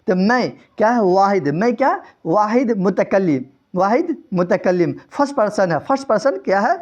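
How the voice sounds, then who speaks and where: A man's voice: high voice, animated, darkish tone, muffled recording. A man teaching an exam-prep quiz lesson. He reads out the answer options and repeats each question to his students.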